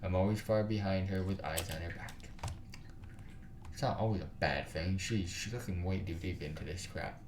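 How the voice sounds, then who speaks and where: For a gaming video, a man reads a visual novel aloud, narrating the story and slipping into casual, slangy, sometimes sweary asides. His low, darkish voice moves at a normal speed, with a little hiss or hum, roomy echo, and game music playing behind him.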